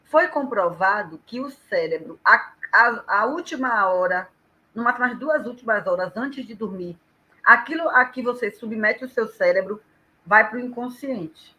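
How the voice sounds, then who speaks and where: A woman with a Brazilian Portuguese accent, an educator talking on a live stream and explaining things in an animated way. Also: fairly high pitch, moderate pace, low-quality recording. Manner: animated, acts out quoted speech vividly.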